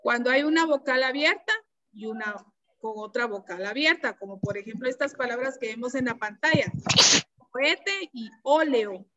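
A woman teacher giving an online class, explaining slowly and patiently and checking often that her students follow. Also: fairly high pitch, animated, a bit bright. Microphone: computer mic on a video call. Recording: dull, lo-fi video-call audio.

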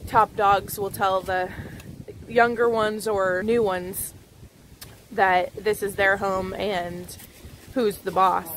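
A woman's voice: mid-range voice, noisy background. Woman vlogging beside a clucking coop. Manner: chatty, explains chicken care. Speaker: homestead vlogger. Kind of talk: casual vlog narration. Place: outdoors by a chicken coop. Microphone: phone held at arm's length. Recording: clucking chickens and clicks behind.

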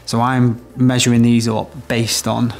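An electrician in his thirties talks through a job in a small room of a house, demonstrating a product and explaining each step practically. His voice is medium-pitched and creaky, delivered flatly and a little slowly.

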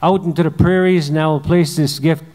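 A man's voice: fairly high pitch, steady tone, fairly quick, dark tone, lightly acted. A mighty buffalo of legend offers his help in an eager, slightly raised voice, as a man storyteller plays him. The voice carries a long hall echo.

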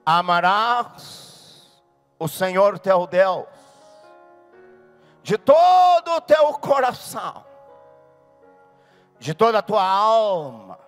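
Proud male scholar showing off, voiced by a male preacher, slow solemn delivery, faint music under. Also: high-pitched, in a large hall, full character voice. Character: boastful male teacher of the law, proud, showy.

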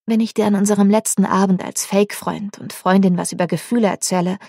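A woman's voice: mid-range voice, fairly even intonation, fast, gravelly, dark tone, slightly rough, no echo, clean studio sound. A woman audiobook narrator voicing a tipsy young woman who hesitantly admits her feelings. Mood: shy confession.

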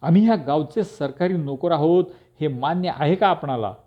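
A man voicing a defiant middle-aged village headman who speaks out loudly and forcefully, on a dull lo-fi recording. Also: fairly high pitch, moderate pace, pitched above the performer's own voice, lightly acted. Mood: indignant. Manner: loud, forceful, indignant outbursts.

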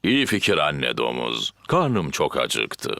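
Cartoon father pig, deep, slow-paced, hearty, boastful, noisy soundtrack behind. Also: huge pitch swings, gravelly, full character voice. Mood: jolly, hearty. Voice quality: deep, booming. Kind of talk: children's cartoon dub acting.

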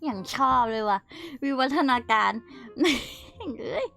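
A young woman streamer casually tells stories while showing old photos, giggly and chatty with frequent laughter and quick asides. Her voice is fairly high, sing-song, and a bit bright, with faint music behind her.

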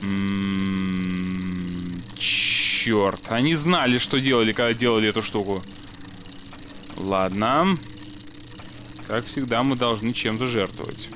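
A man's voice: lowish voice, slow, pauses often, background noise. A man playing a puzzle game with a friend, chatting casually and muttering mild curses as he works things out. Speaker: let's play gamer. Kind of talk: casual co-op gameplay chat.

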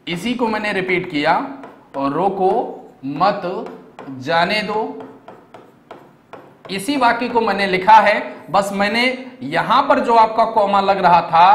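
A young man with a high, somewhat bright voice teaches an exam-prep grammar lesson in an echoey room. He explains step by step and often checks that his students are keeping up.

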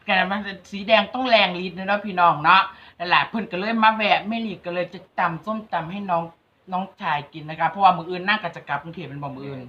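A woman's voice: lowish voice, quick pace. A woman with an Isan accent hosting a cooking vlog, chatting and teasing while talking straight to her viewers. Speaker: vlog host. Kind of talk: casual cooking vlog chat. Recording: dull lo-fi recording.

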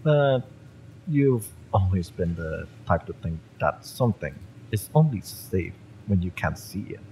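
A deep, dark-toned, expressive male voice plays a spurned ex-bodyguard turned taunting cyberpunk mercenary, fiery and smug. He mocks the listener intimately in a menacing drawl with dramatic pauses. The low-quality recording carries a faint rumbling noise.

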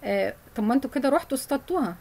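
Husky-voiced Egyptian woman teaching memorization. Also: high-pitched, lively intonation, a little mellow, low-quality recording. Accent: Egyptian Arabic. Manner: explains in colloquial speech, recites verses slowly. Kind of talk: Quran memorization lesson.

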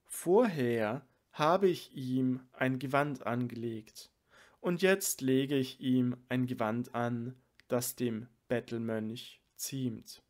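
A man's voice: medium pitch, slow pace, natural voice. A man reading the part of a tearful, devoted male sage overcome with love, in a reverent, slightly raised voice.

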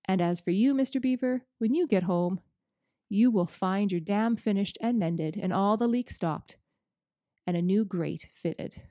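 A woman voicing Father Christmas, slow and stately, in a storybook reading. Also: mid-range voice, dark tone, no room sound, studio quality, close to an everyday voice. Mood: solemn, kindly. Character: huge, kindly, solemn old Father Christmas.

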